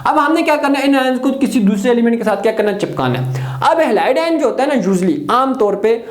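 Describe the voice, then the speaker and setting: A male chemistry teacher from Pakistan gives a classroom lecture, posing questions to students, answering them himself, and repeating key terms. His voice is extremely high-pitched, animated, and fairly quick. The room is echoey.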